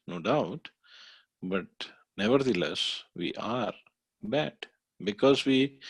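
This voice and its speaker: Male scripture teacher, low and gravelly, dry close sound, explaining with hesitations. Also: dry recording. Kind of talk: scripture study lecture.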